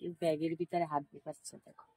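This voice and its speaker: Lady vlogging out back of her house, chatting to the monkeys and viewers, kinda hushed so the neighbours don't hear. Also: little pitch movement, quick pace, husky. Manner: talks to the animals and viewers, scolds gently, lowers voice to avoid neighbours. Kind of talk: casual home vlog commentary. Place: outdoors behind her house.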